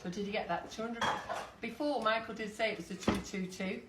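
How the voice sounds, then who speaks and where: A woman in her fifties hosting a live-stream baking demonstration in a kitchen, chatty and quick to laugh. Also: mid-range voice, fairly even intonation. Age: 50s. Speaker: host. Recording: echoey room, distant mic, faint noise.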